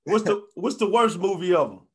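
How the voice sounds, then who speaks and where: Man, American accent, high-pitched voice, casual interviewer, slangy, profane, agreeable. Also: lively intonation, a little fast, breathy edge. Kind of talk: casual chat.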